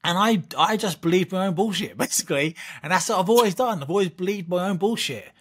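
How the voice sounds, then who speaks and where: A middle-aged man, a guest on an interview, telling lively anecdotes from his youth in a casual way. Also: sits high, quick pace, husky. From United Kingdom. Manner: vivid, animated anecdote-telling with laughs. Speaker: guest, former Olympic boxer.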